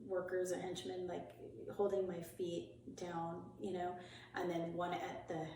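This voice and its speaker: A woman's voice: lowish voice, monotone, measured pace, noisy background. Candid woman, echoey and distant. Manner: candid and chatty, with frequent "like" and "you know" fillers. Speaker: guest. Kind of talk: personal storytelling in a podcast interview. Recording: very echoey room, voice far from the mic.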